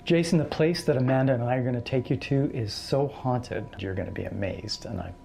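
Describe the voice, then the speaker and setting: A man, a paranormal researcher telling his experiences in a casual, animated way. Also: medium pitch, fairly quick, creaky, slight background noise. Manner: animated storyteller, acts out quoted voices. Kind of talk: casual storytelling interview.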